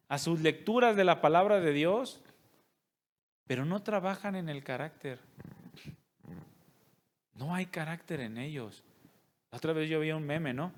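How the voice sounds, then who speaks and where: A male pastor, preaching a sermon and putting rhetorical questions to his congregation. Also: on the high side. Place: church service.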